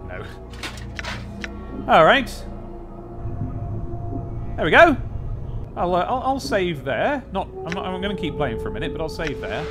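A man in his thirties hosts a gaming video in a high-pitched, very animated voice, speaking a little slowly with long pauses. His commentary is casual, rambling and playfully whimsical, and he reads game text aloud. He records in a small home office with desks and monitors on a boom-arm mic with a pop filter, game music behind him.

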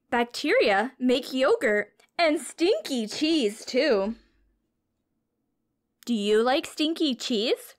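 Reading a picture book to small children in a teacherly way, a woman with a voice on the high side delivers the story expressively. She pauses for simple questions and explains things as she goes.

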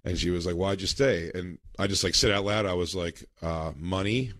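A man's voice: deep voice, normal speed, a bit bright, dry recording, clean studio sound. A man co-hosting a podcast in casual chat, a telling rambling stories and laughing mid-sentence. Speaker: podcast co-host.

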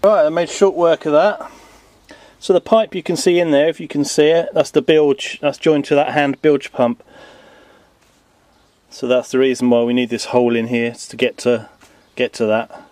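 A man's voice: fairly high pitch, fairly even intonation, normal speed, a little mellow, no room sound. A man, talking casually and rambling with many ums while filming a boat repair outdoors on a handheld camera. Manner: chatty, rambling, self-deprecating, lots of ums. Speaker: boat renovation vlogger. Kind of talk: casual how-to commentary. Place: outdoors in a garden workshop.

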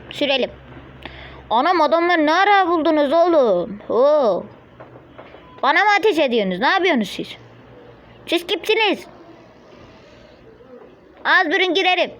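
A woman giving casual gameplay commentary on a mobile game, chatting to viewers and blurting out sudden yelps and insults at opponents. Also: high-pitched. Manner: chatty running self-talk to viewers.

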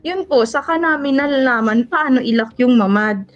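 High-voiced Filipina woman recounting an ordeal. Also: normal speed, lo-fi sound. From Philippines. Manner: polite, adds respectful particles and retells events step by step; earnest and shaken while recounting. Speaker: caregiver telling her survival story as interview guest. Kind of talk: emotional first-person testimony in an interview.

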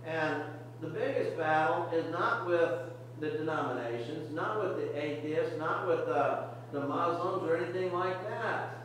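Casting: older male preacher, high voice, earnest sermon delivery, distant mic in a reverberant sanctuary. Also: a little slow, a bit bright, slight background noise. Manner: earnest, repetitive exhortation with frequent restarts. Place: church sanctuary, medium size, indoors. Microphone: podium mic, camera far at back of room. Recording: very echoey distant church recording.

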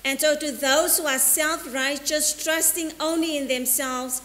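Recorded through an altar stand mic and a fixed camera, a middle-aged woman priest from South Africa preaches carefully in a church sanctuary, easing her pace for quotations. Her high voice is steady and a bit bright, with long reverb and a faint hiss.

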